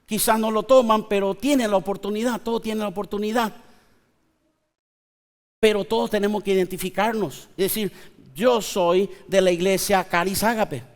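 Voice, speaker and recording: A man, preaching a sermon to his congregation with slow, emphatic pauses and conversational asides. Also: high voice, fairly even intonation. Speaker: pastor. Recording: long church hall reverb.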